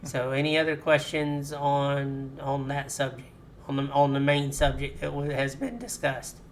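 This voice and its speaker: A man's voice: medium pitch, a little slow, slight background noise. A man on a podcast, talking practically in casual chat and steering the topic back to questions from chat.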